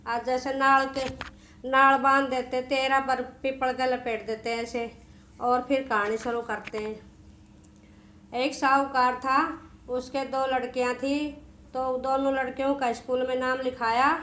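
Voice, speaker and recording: A woman storyteller narrates a devotional folk tale in a homely, conversational manner, often repeating herself. Her voice is high-pitched. The room gives it a noticeable echo. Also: level tone, unhurried, bright, forceful tone, slight background noise. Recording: echoey room.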